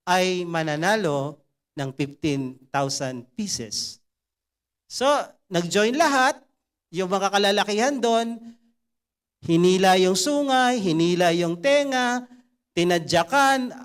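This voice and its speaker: High-voiced man preaching with jokes. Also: fairly bright tone. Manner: joking storyteller, acting out characters' lines. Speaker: pastor. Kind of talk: sermon.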